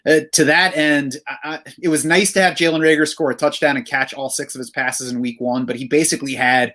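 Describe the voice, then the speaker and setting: A man breaking down fantasy football in a steady, matter-of-fact casual podcast chat. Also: on the high side, brisk.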